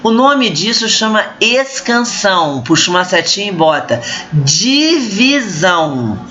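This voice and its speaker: In a muffled, lo-fi recording of an online class, a literature teacher with a Brazilian accent walks her students through a lesson, frequently checking in with them. Her mid-range voice is very animated and fairly bright, though her pace is slow.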